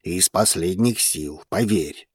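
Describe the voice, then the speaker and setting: A man voicing a brooding, jealous grown man in an audiobook, with a low, slow, gruff murmur. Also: a little mellow, dry recording, clean studio sound. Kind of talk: audiobook character voice.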